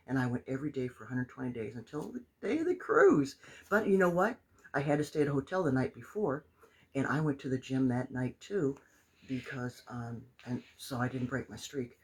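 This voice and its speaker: A woman's voice: low-pitched, darkish tone, slightly rough. An older woman chatting casually on a live stream as a motivational coach, exclaiming and greeting her viewers by name.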